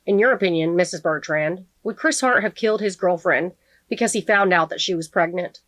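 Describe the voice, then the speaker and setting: A woman voicing a confident young male defense attorney who talks smoothly and a bit cockily. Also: lowish voice, brisk, a bit bright, dry recording, natural voice.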